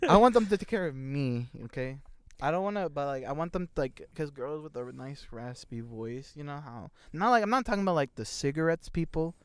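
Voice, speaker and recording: A man's voice: a little high, expressive, brisk, smooth. A young man co-hosting a podcast, chatting casually and laughing often as he rambles. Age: young adult. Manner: laughs often, loose rambling talk with many fillers. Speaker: podcast co-host.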